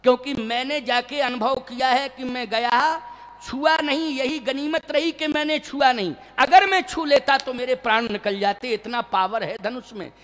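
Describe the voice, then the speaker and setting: A terrified king who keeps pleading "don't go" after a close call, voiced by a man. He talks in a rush of fear and repetition. The voice sits very high. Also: normal speed, a bit bright, long reverb tail. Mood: panicked. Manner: panicked pleading. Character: frightened boastful male king, shaken.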